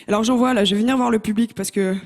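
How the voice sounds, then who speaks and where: A young woman performs a stand-up routine as a contestant on a TV talent show stage, speaking rapid-fire in a high voice into a handheld mic. She's lively and teases the audience.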